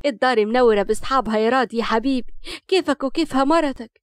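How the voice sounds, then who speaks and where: A woman voicing a doting older aunt with an Upper Egyptian accent, praising and warm. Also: high-pitched, rapid-fire, clean tone, dry recording, clean studio sound, natural voice. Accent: Upper Egyptian Arabic.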